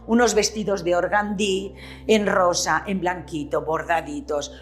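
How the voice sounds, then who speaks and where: An older woman in her seventies tells her memories in Spanish with a Valencian lilt. Her voice sits a little low, and she talks in a lively way, switching into the voices of the people she remembers. Soft music plays faintly behind her. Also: a little slow. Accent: Valencian-tinged Spanish. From Petrer, eastern Spain. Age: 70s. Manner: animated storyteller who acts out remembered dialogue. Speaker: retired shopkeeper. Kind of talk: reminiscing interview.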